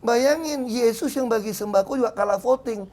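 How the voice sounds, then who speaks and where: A man's voice: very high voice, moderate pace, darkish tone. A middle-aged man talking as a guest in a casual conversation, blunt and emphatic, slipping into street slang and acting out what other people said. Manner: acts out others' words in quoted voices.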